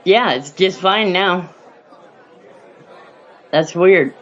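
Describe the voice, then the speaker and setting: A woman's voice: lowish voice, very slow, some chatter behind. A woman chatting casually as a guest on a call-in stream, her voice tinny through the call line. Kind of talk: casual chat. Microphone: remote call audio.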